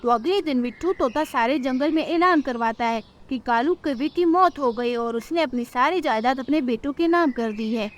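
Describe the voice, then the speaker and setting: A woman narrating a cartoon story in a steady storytelling manner. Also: high-pitched, moderate pace, hardly any pauses.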